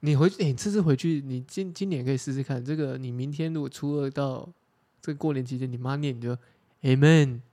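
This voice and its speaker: A man's voice: mid-range voice, quick pace, dark tone. A man with a Taiwanese Mandarin accent, co-hosting a casual podcast chat, joking and teasing and laughing often. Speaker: podcast co-host.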